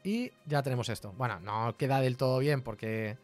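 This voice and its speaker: A man with a Spain Spanish accent giving a casual live-coding tutorial, chatty and quick to laugh and swear in surprise. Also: mid-range voice, darkish tone, faint music behind. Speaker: programming streamer.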